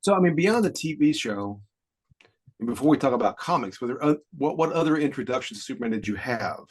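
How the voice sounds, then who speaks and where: A man's voice: medium pitch, expressive, fast. A man in his fifties co-hosting a podcast, chatting casually in a rambling, explanatory way with frequent chuckles. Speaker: podcast co-host. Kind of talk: casual chat.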